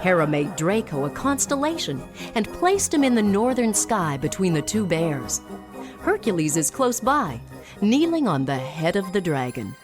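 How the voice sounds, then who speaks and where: A woman reading scripted narration as a smooth museum audio guide, measured and clearly enunciated. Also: lowish voice, big pitch swings, faint music behind.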